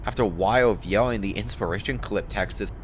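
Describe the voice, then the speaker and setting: A man's voice: lowish voice, fast talker, a little hiss or hum. A man giving a dramatic reading of an online story in a casual, sweary, emphatic first-person way. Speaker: narrator reading a written forum post aloud.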